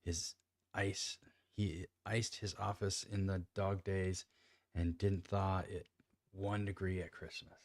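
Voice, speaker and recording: A man's voice: low voice, level tone, slow pace, no echo, clean studio sound. A man reading a classic novel aloud, often stumbling, restarting lines and commenting on his own reading. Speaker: amateur reader.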